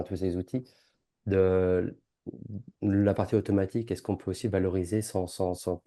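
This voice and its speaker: A man asking a question on a video call, halting, with many restarts and self-corrections. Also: fairly low pitch, mellow. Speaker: webinar participant asking a question. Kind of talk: casual spoken question.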